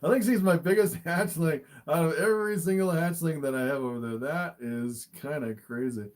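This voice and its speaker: A man's voice: fairly high pitch, moderate pace, darkish tone. A man hosting a casual livestream as an animal keeper, easily amazed and chatting to viewers as he shows his animals. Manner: easily amazed, often chuckling between remarks.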